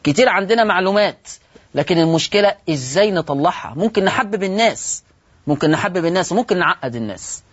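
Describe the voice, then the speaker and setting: A man's voice: high-pitched, animated, breathy edge, dry recording. Egyptian-accented male recitation teacher, asks and answers his own questions, dull dry broadcast audio. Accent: Egyptian Arabic. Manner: asks rhetorical questions and answers them, slows down to stress rules. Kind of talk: televised religious lesson.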